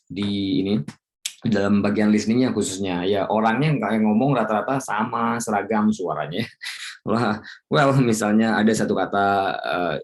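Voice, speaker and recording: Chatty teacher, low voice. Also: male voice. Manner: chatty, mixes English into explanations, laughs often. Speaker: IELTS teacher. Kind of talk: casual online lesson.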